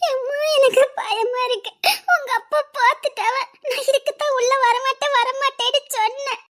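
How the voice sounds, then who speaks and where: A woman's voice: very high-pitched, steady tone, quick pace, dark tone. A young woman playing a frightened, whiny village girl. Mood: scared. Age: young adult. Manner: anxious, whiny.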